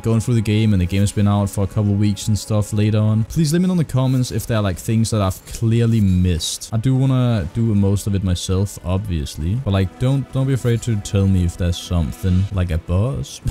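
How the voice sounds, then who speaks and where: A man doing casual, profane gameplay commentary, excitable and talking to himself, his voice heavily compressed on a close mic. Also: fairly low pitch. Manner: excitable, exclaiming, talks to himself and the game. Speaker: gaming video host. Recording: heavily compressed voice over game music. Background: game music.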